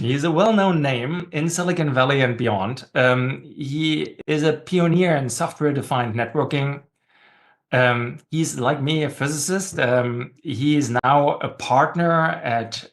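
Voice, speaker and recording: A man at a mid-range pitch hosts an interview, introducing his guest with measured, slightly formal phrasing. His questions come with small fillers and restarts. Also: fairly bright tone. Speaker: host, faculty member.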